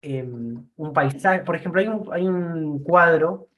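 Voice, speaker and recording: A man's voice: on the high side, takes it slowly, a bit bright. A man with a Rioplatense Spanish accent joining a live online painting class, speaking hesitantly and searching for words.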